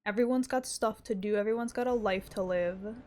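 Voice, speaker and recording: A woman game streamer chatting casually on a livestream in a playful, expressive, sometimes sweary way. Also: mid-range voice, brisk. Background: game music.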